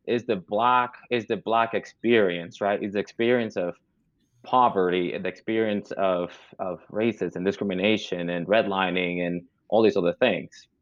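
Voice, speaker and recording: A physician from the Dominican Republic, raised in Mexico, talks through his thoughts in a podcast with many pauses and fillers. His voice sits low and the recording is dull and muffled, with a dry, close sound. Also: dry recording. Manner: hesitant, many fillers and restarts. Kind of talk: conversational podcast interview.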